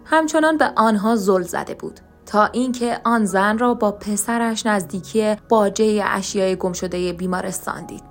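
A woman narrates a story in a calm, measured, scripted reading. Her voice sits at an ordinary middle pitch. A faint music bed plays quietly behind her. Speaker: podcast narrator.

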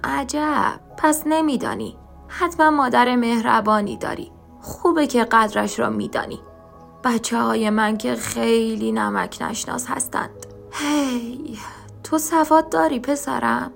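A woman voicing a frail, limping old woman who talks slowly and gently, in a motherly way. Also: on the high side, vocal fry, faint music behind. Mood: sweet, chatty.

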